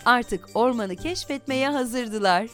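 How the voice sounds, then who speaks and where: A woman reading a children's story aloud in an expressive, animated storytelling manner. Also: fairly high pitch, takes it slowly, over music.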